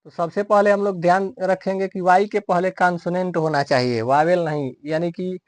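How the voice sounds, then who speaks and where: High-voiced man teaching grammar. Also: steady tone, no echo. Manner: slow, repetitive explaining, addresses viewers as dear friends. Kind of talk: classroom-style grammar lesson.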